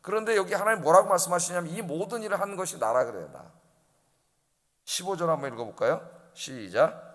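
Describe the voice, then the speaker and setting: A man's voice: sits high, lively intonation, brisk, a bit bright, big-room sound. A male pastor preaching an early-morning sermon, emphatic and often asking the congregation questions. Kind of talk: dawn service sermon. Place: church sanctuary.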